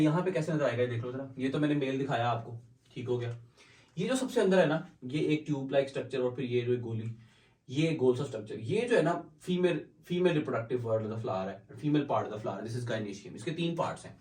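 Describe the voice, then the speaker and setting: In a classroom lecture recorded from far off in an echoey room, a male biology teacher speaks with a medium-pitched, animated, slightly mellow voice. He explains in a mix of Hindi and English, poses questions and answers them himself, and slows down to dictate English definitions.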